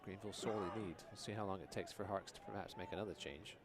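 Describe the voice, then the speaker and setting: As color commentator on a live soccer match, a man offers conversational analysis in a low-pitched voice at a quick pace. Outdoor stadium noise and ambience fill the background.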